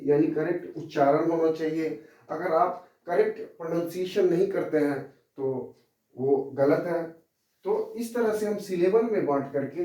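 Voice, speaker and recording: A male English teacher giving a slow, repetitive classroom lesson, explaining letter by letter as he points to a board. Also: on the high side, dark tone. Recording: very echoey room, mic far off.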